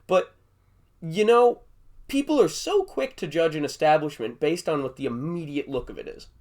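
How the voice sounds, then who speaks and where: A man's voice: fairly high pitch, expressive, normal speed, a little mellow. A young man hosting a casual podcast, rambling through jokey stories and laughing often. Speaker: podcast host. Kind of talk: casual chat.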